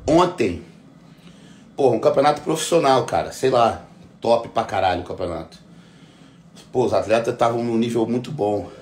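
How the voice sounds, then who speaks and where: A middle-aged bodybuilding competitor, ranting in casual, heavily profane talk and repeating himself for emphasis. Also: male voice, medium pitch, slight background noise. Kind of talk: casual conversational rant. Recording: echoey room.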